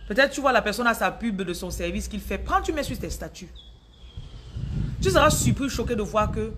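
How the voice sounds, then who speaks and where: Lively woman with a Cameroonian French accent. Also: medium pitch, brisk, slight background noise. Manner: lively and direct, repeating words for emphasis. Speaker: business and spiritual coach. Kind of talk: casual live-stream talk to followers.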